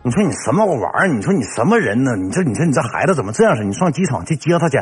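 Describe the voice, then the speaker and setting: A woman's voice: a bass voice, sing-song, racing, slightly rough, faint music behind, heavily acted. A man voicing an angry middle-aged mother who scolds and curses. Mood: scolding. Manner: shouting, cursing scolding.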